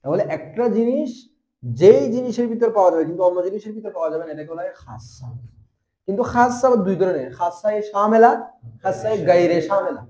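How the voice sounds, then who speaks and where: A young man with a Bangladeshi Bengali accent teaching a grammar lesson, asking questions and answering them himself, and repeating terms slowly. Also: high voice, animated, dark tone, reverberant. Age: young adult. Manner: spells out letters and repeats terms.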